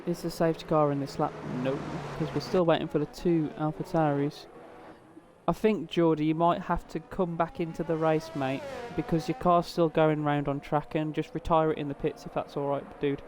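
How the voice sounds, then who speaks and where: A tired man giving relaxed live commentary on an online sim race, chatting casually with viewers and drivers. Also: fairly high pitch, moderate pace, a little hiss or hum. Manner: laid-back, chatty, addresses viewers and drivers directly.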